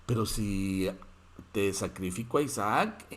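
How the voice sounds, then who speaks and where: A pastor voicing the old patriarch Abraham as anxious and pleading, his voice raised higher and flustered. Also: lively intonation, takes it slowly. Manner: high-pitched, pleading, flustered.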